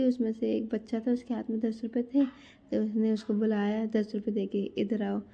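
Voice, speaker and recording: A woman's voice: mid-range voice, vocal fry, dark tone, muffled recording. A woman in her thirties telling a family outing story in a chatty casual vlog, talking straight to her viewers. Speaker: vlogger.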